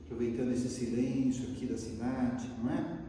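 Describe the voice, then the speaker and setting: A man's voice: mid-range voice, moderate pace, far from the mic, slight background noise. A man with a Brazilian Portuguese accent giving a spiritist lecture, telling stories and asking the audience questions. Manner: lively storyteller, asks the audience questions. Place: lecture hall. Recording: echoey hall, voice from afar.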